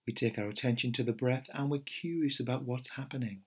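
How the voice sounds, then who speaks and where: A middle-aged man with a husky, medium-pitched voice gives a calm, gentle podcast talk as a meditation teacher. He takes his time, using filler words and often starting sentences over.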